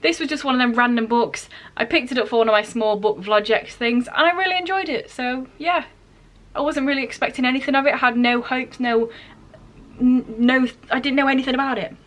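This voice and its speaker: Brisk and high-pitched, with a slightly bright edge, this book vlogger's voice carries a casual chat to her audience. She corrects herself often and veers into asides.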